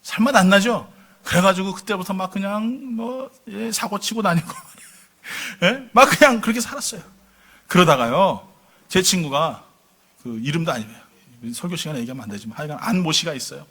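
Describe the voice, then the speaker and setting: A man's voice: high-pitched, expressive, normal speed, a bit bright, husky. A middle-aged man preaching a sermon to his congregation, telling his story with questions thrown to the listeners. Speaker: pastor. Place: church sanctuary.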